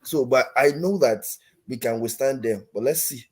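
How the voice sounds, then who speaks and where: A man's voice: mid-range voice, moderate pace, husky. A man with a Nigerian accent chatting casually about football as a fan, often repeating phrases for emphasis. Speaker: call-in guest, football fan.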